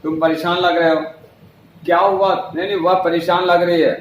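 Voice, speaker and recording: A man teaching an English lesson in a fairly high voice. He goes over each sentence slowly and more than once, moving between Hindi and English. The room is echoey, with a faint hum of noise behind him. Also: little pitch movement.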